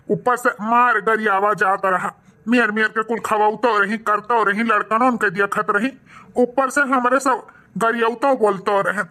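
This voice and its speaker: A voice actor with an Awadhi accent plays a remorseful village husband and son in a cartoon, pleading earnestly and humbly. The voice is mid-range with a sharp tone.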